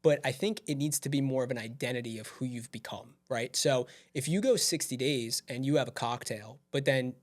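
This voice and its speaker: A man chatting as a podcast guest, energetic and affirming, quick to agree. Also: medium pitch. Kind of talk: casual chat.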